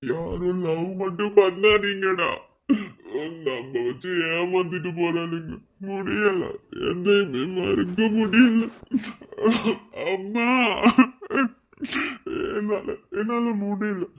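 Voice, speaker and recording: Brief: man voicing a slow, high-voiced, wailing jilted lover with a Madurai Tamil accent, on a dull lo-fi track. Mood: self-pitying. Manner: wailing self-pity, drawn-out laments. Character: heartbroken young man drinking away his sorrow. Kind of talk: cartoon voice acting.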